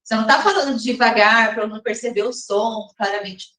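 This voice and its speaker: A woman teacher explaining step by step in a recorded lesson, often checking in with her listeners and reading some passages slowly. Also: a little high, fairly bright tone. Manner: slows down and reads some passages slowly, as if from a text. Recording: roomy echo, mic at a distance.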